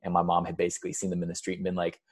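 Laid-back, very deep-voiced man. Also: monotone, racing, breathy edge. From California. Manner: laid-back, laughs often, says "like" and "dude" a lot. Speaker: podcast guest. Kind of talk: casual chat.

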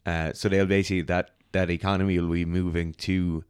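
A man's voice: low voice, level tone, fairly quick, clear, resonant tone, no echo, clean studio sound. A man co-hosting a podcast, chatting loosely and joking, with "like" in every sentence. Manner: joking, loose, says "like" often. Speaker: podcast co-host. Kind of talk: casual chat.

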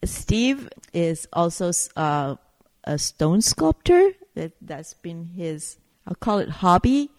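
Low-voiced woman. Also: sing-song, takes it slowly, a little mellow. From Chile. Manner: chatty, storytelling, searches for words. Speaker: winery owner, interview guest. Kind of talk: casual interview chat.

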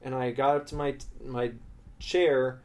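A young man co-hosts a casual podcast with a voice of middling pitch. He tells long, rambling stories full of fillers and swearing. His delivery grows heated as he goes. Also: flat delivery, a little slow, darkish tone. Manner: rambling, profane, heated when recounting conflict. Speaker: podcast co-host. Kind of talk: casual storytelling chat.

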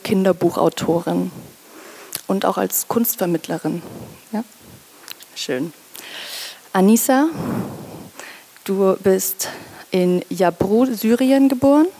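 Woman moderator, mid pitch, friendly and a little halting, at a live reading. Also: a little mellow. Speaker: event moderator. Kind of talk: introducing a reading event. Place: museum event space.

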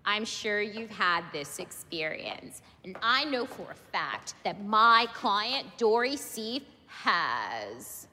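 An actress playing a young woman defense lawyer addressing a jury in a TV comedy, with a millennial vocal fry. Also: mid-range voice, sing-song, slow pace, hardly any pauses, bright, forceful tone, in a large hall, slight background noise, heavily acted. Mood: improvising, earnest. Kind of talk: television comedy acting.

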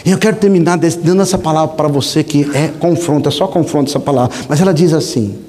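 A male pastor preaching a sermon, telling stories in an animated, conversational way and often tagging lines with a questioning aside. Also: fairly high pitch, fast. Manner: animated, conversational, frequent rhetorical "né?". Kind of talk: sermon with storytelling. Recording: long hall reverb.

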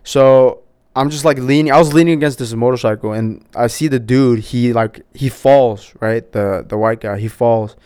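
A young American man telling stories in a casual, laid-back way, swearing freely and filling pauses with "um" and "like". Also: medium pitch, a little mellow, clean tone, dry recording, clean studio sound. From United States. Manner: laid-back, profane, many fillers and restarts. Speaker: podcast host. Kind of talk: casual storytelling.

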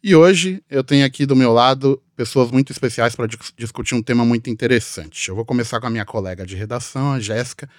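A man's voice: medium pitch, fast talker, few pauses, dry recording, clean studio sound. Chatty Brazilian man, closely recorded. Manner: informal, chatty. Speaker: podcast host, journalist. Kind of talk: casual podcast hosting.

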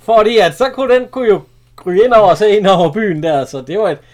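A Danish man in casual chat, eagerly retelling film scenes and his army memories. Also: high voice. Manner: eager, excitable retelling with fillers.

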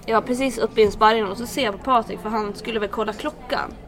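A young adult woman, a fighter being interviewed on a podcast, telling stories in a chatty, animated way with lots of fillers. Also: fairly high pitch, faint music behind. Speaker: MMA fighter guest.

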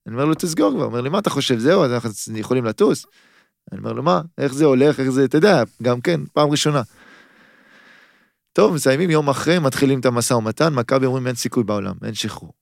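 A man's voice: mid-range voice, creaky, dry recording, studio quality. A man in his thirties, a footballer guest on a podcast, telling a story casually and acting out both sides of his phone calls.

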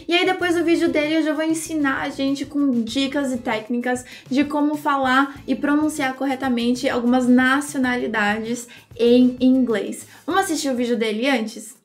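High-voiced Brazilian woman teaching English. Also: steady tone. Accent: Brazilian Portuguese. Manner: slow, drawn-out model words for repetition. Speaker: English teacher and channel host. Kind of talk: English pronunciation lesson.

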